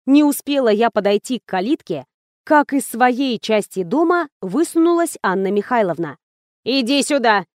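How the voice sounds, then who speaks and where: A woman reads a novel aloud in the first person, lively and ironic. Her voice sits a bit high. The recording is dry and close. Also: moderate pace, no echo. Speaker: audiobook reader. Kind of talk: scripted narration.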